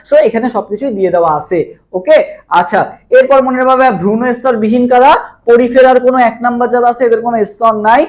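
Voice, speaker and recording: A man teaching a live online exam-prep class, who asks questions, answers them himself and repeats key terms again and again. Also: high voice. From Bangladesh.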